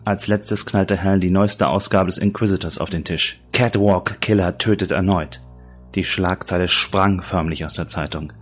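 A man giving steady, dramatic audiobook narration of a crime thriller. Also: low voice, moderate pace, few pauses, slightly rough, soft background music.

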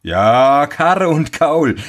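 A man's voice: fairly high pitch, big pitch swings, very slow, voice pushed up, exaggerated voice. A man doing a wailing, self-pitying carter. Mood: scoffing. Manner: wailing laments, dismissive grumbling. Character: gruff stubborn male carter, self-pitying.

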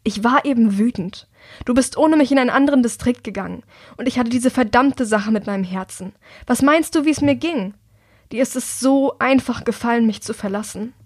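A woman's voice: fairly high pitch, a little fast, slightly rough, no echo, clean studio sound. A woman narrator voicing a hurt, blunt young man who speaks emphatically. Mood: earnest.

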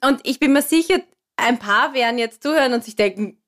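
Chatty Austrian woman, slightly high voice. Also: fairly quick, a bit bright. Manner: laughs often, nervous and chatty. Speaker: radio show regular. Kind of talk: casual studio banter, telling a joke.

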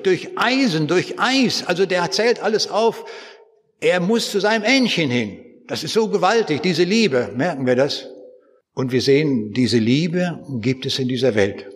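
A man born in East Prussia, preaching a sermon with emphatic, lively delivery and rhetorical questions to his listeners. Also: mid-range voice, breathy edge, big-room sound.

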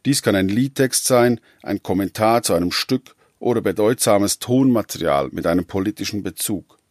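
Man, radio feature narrator, scripted, measured, low voice, dry close sound. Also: no room sound. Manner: measured, even reading.

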